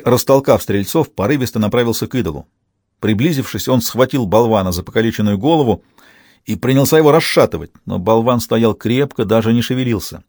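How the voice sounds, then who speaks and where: A man's voice: medium pitch, dry recording. Man narrating an audiobook, dry studio sound. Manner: steady storytelling.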